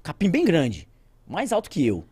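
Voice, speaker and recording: A man with a Brazilian Portuguese accent, a podcast guest telling an emotional story with conviction, shifting from loud outbursts to near-whispers. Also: fairly high pitch, wildly swooping pitch, moderate pace, breathy edge, no echo. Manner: speaks with conviction, addresses viewers directly.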